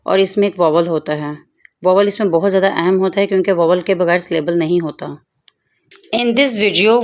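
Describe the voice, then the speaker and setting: A woman teaching a bilingual phonics lesson, patiently explaining and saying words slowly, part by part. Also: mid-range voice, darkish tone. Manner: slow, careful breaking of words into parts. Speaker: English teacher.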